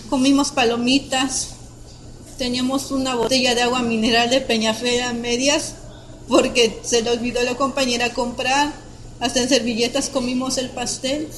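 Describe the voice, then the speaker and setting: A young woman with a Mexican accent giving a halting personal testimony of an attack as a witness, often breaking off and restarting her sentences. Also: high voice, fairly bright tone, a little hiss or hum, low-quality recording.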